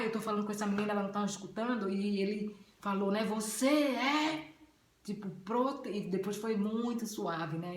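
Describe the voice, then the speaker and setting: A woman's voice: mid-range voice, a little mellow. Earnest woman in a roomy space. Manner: earnest, heartfelt, often ends phrases with a tag question. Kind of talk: casual spoken testimony. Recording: roomy echo.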